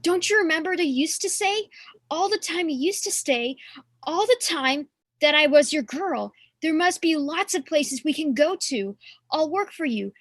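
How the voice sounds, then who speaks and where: A young woman plays a frightened young bride, emotional and pleading. Her voice is very high, recorded dry and close. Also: expressive, moderate pace, no room sound. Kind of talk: amateur play reading.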